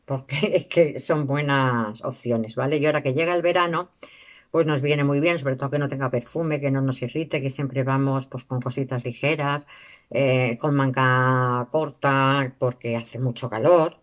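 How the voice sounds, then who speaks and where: A woman's voice: a bass voice, fairly even intonation, unhurried. Chatty woman reviewing cheap buys. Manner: chatty, addresses viewers as girls, lots of fillers. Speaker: beauty and shopping vlogger. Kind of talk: casual product review.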